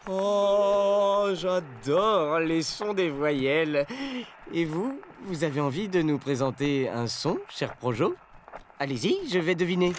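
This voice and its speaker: A man playing an excitable male puppet presenter in a children's educational show, talking in a dramatic, exclamatory way. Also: a little high. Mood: cheerful. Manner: exclamatory, sing-song, dramatic.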